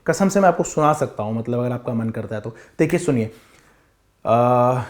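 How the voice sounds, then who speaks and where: A man teaching chemistry to students in a classroom, talking to them directly in a lively lecture. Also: medium pitch, moderate pace. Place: classroom with board.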